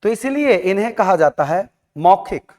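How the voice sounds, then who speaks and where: A man's voice: high voice, lively intonation, moderate pace, a little mellow. A man teaching a lesson, repeating sounds aloud and asking questions he then answers himself. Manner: drills sounds by repetition, asks and answers own questions. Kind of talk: classroom lecture. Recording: long hall reverb.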